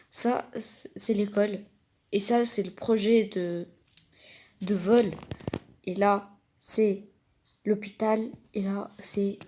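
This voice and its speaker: Slow, hesitant woman with noisy recording. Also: medium pitch, warm tone. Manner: hesitant, explains step by step to viewers. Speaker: gamer showing a build. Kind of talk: casual game walkthrough. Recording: noisy home recording with clicks.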